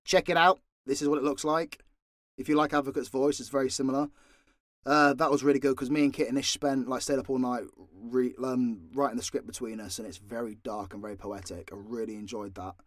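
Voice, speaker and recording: A voice actor and audio creator answers fan questions in a casual, unscripted Q&A, talking candidly off the cuff and swearing freely. His medium-pitched voice has fairly even intonation and a fairly quick pace, recorded studio-clean with no room sound.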